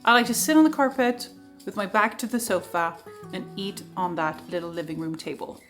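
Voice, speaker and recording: This Swedish vlogger chats at home in a fairly quick, medium-pitched voice, playful and prone to laughter. She's recording in her kitchen and living room, where the sound is echoey and soft guitar music plays.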